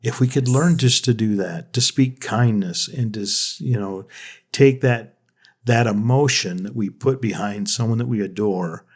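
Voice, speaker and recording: A man's voice: on the low side, a little slow, slightly rough. A man hosting a podcast, talking in a reflective, rambling way with frequent restarts. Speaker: podcast host. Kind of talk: casual conversation.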